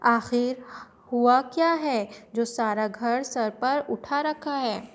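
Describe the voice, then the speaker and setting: A woman's voice: on the high side, slow pace. A woman voicing an old grandmother who scolds sharply and takes charge. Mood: scolding.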